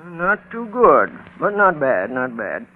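An actor playing a mild, absent-minded druggist in a 1930s-style radio drama, hesitant and repeating himself. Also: male voice, fairly high pitch, big pitch swings, takes it slowly, heavily acted. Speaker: drugstore owner. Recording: muffled phone-like old radio recording.

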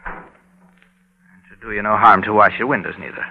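An actor playing a genial, chatty beat cop in a 1930s-style radio drama, with an Irish accent and a folksy way of talking. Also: male voice, lowish voice, unhurried, vocal fry, a little hiss or hum. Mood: grumbling. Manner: folksy, talkative. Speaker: beat policeman. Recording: dull old radio recording.

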